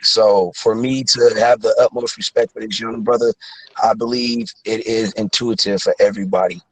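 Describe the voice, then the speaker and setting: A man's voice: fairly low pitch, steady tone, normal speed, no room sound, poor audio. A man in his thirties calling in to a talk show, speaking earnestly and rambling with many fillers. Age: 30s. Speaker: caller. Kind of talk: casual call-in chat.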